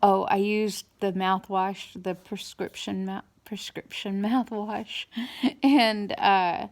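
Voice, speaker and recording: This woman's medium-pitched voice keeps a fairly even intonation as she haltingly shares a casual update. She sounds tired from dental surgery and slightly hoarse, and her swollen mouth and new teeth get in the way of her words a little.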